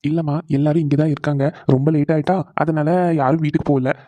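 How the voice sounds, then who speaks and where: A man voicing a caring husband in a cartoon, talking quickly and reassuringly. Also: fairly high pitch, little pitch movement, mellow, dry recording, natural voice. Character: caring husband on the phone with his wife. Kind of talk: animated cartoon voice acting.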